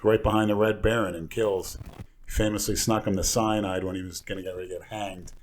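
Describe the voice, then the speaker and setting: A low-voiced man rambles through boastful, crude anecdotes at a podcast table. A faint hiss of noise sits under the recording. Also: fairly even intonation, fairly quick. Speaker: podcast host. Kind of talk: crude storytelling banter.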